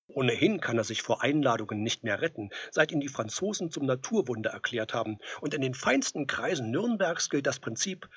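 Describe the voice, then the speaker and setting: A man's voice: medium pitch, fairly bright tone, breathy edge, no echo. A man telling a historical story in scripted narration, with a wry, ironic manner. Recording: dull lo-fi recording.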